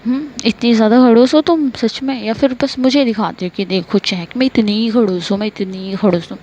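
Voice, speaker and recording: A woman's voice: a little high, fairly quick, dark tone, dull audio, slight background noise, natural voice. A woman voicing a bubbly, playful young woman who teases and talks nonstop, in a storybook reading. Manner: chatty, playful, teasing. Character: bubbly teasing young woman, recovering hospital patient.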